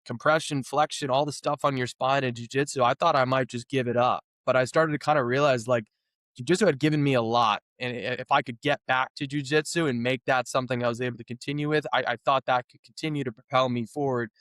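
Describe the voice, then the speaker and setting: A thirty-year-old man from New England tells his story in a smooth, resonant voice. He talks relaxed and loose, with many fillers and false starts. The recording is close and dry. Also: mid-range voice, fast, no room sound. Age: 30s. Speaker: guest, physical therapist. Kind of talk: casual interview talk.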